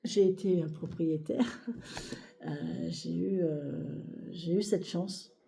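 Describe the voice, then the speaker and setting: A woman's voice: on the low side, takes it slowly, vocal fry, warm tone, a little hiss or hum. A woman giving a weekly tarot reading to camera, speaking to viewers in a reassuring way and hesitating often with fillers and repeated phrases. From France. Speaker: tarot reader.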